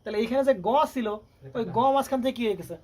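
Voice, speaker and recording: A man's voice: very high-pitched, darkish tone. A man teaching electronics, constantly firing questions at his students. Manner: rapid, keeps quizzing students with rhetorical questions. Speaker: electronics tutor. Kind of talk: classroom lecture with questions. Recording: faint background noise.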